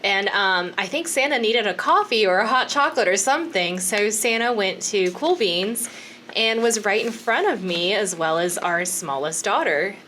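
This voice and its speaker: A woman's voice: medium pitch, animated, moderate pace, bright, forceful tone. A woman in her thirties co-hosting a podcast in casual chat, chatty with frequent laughs and fillers. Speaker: podcast co-host.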